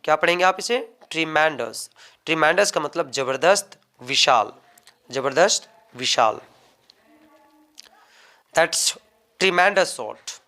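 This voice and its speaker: A man teaching vocabulary, slowly repeating each word and explaining it. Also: on the high side, expressive, bright, forceful tone. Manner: slow, drawn-out word drills with Hindi explanations. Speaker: English teacher. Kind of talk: vocabulary lesson.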